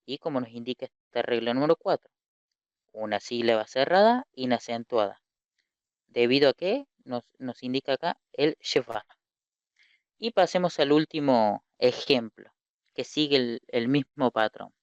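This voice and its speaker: A man teaching an online lesson from slides, speaking deliberately, repeating key terms and asking rhetorical questions. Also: mid-range voice, expressive, clean tone, no room sound. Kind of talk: online lecture explaining slides. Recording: slightly muffled lo-fi recording.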